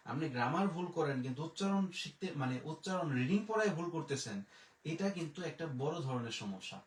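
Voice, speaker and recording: A man with a slightly high voice teaches a live French lesson. He spells each word letter by letter and repeats it slowly for his students. He stands away from the mic, so his voice comes from far off in an echoey room. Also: big pitch swings. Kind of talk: live online language lesson. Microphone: distant. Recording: roomy echo, voice from far off.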